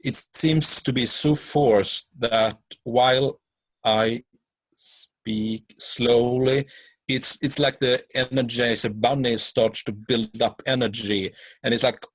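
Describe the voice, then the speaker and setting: Man, husky voice, dry close sound, halting questions, hesitant delivery. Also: mid-range voice, fairly even intonation, no echo. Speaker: audience member asking a question.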